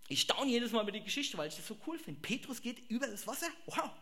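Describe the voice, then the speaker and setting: Animated high-voiced preacher. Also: male voice, quick pace. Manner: animated, exclaims, acts out quoted voices. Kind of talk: sermon.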